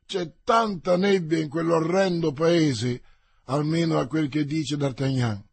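A man's voice: a little high, fairly even intonation, unhurried, gravelly, breathy edge, pitched above the performer's own voice, heavily acted. A man voicing a hearty, simple-minded big male musketeer in an audiobook reading, with a boisterous delivery.

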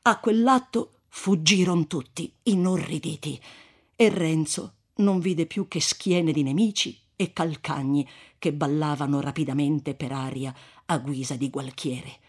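A reader narrating a classic novel in a measured, expressive way. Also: mid-range voice, breathy edge. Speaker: audiobook reader. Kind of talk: literary narration.

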